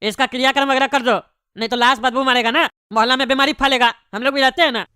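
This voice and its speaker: A woman's voice: sits high, steady tone, quick pace, heavy background noise, natural voice. A woman voicing a bald, pompous male neighbourhood politician in a cartoon comedy, bossy and rambling. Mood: consoling. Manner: bossy, rambling, tactless consoling.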